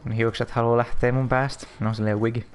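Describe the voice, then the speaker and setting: A young man ranting through a video game, loud and exasperated, swearing constantly. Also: mid-range voice, little pitch movement, clean tone. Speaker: gaming YouTuber.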